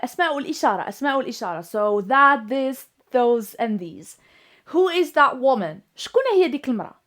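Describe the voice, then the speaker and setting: A high-pitched woman with a Moroccan Arabic accent teaches English grammar. She explains in Moroccan Arabic and slows way down, stressing each example sentence.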